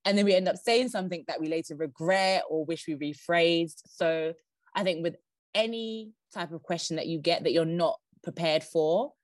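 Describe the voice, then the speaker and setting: A woman guest on a podcast giving interview tips, who says she talks fast and laughs now and then. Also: on the low side, no echo. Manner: fast-talking, laughs often.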